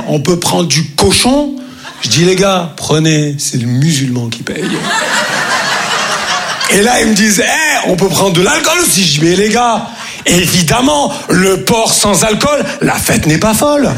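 A man's voice: fairly high pitch, gravelly, fairly bright tone, slight background noise. A man doing a stand-up comedy set on a stage before a live audience, telling a story and acting out the dialogue. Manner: storytelling, acts out dialogue, bursts into mock singing.

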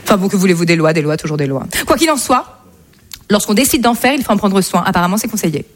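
A woman doing stand-up comedy, delivering absurd ideas in a mock-serious, deadpan tone. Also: medium pitch, fast. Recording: live show with crowd and noise.

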